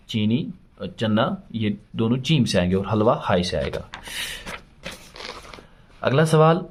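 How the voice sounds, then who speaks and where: A man's voice: medium pitch, darkish tone. Patient male teacher spelling out letters. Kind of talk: children's alphabet lesson.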